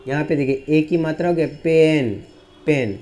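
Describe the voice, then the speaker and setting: A man teaching English phonics in a lesson, asking the class questions and answering them himself, spelling letters out slowly. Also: fairly high pitch, mellow.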